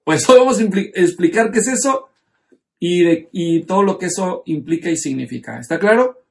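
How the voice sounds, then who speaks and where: A man's voice: high-pitched, expressive, normal speed, creaky, darkish tone. A man teaching a Bible study class, explaining the text step by step and checking in with his students. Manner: explanatory, asks the class questions.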